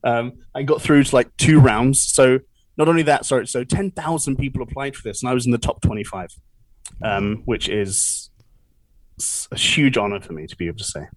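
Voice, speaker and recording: A man's voice: medium pitch, moderate pace, no echo, rough recording. Young guy chatting on a podcast, laughs a lot, dry close sound. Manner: chatty, laughs often, self-deprecating. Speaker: podcast guest, cruise ship entertainer. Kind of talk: casual interview chat.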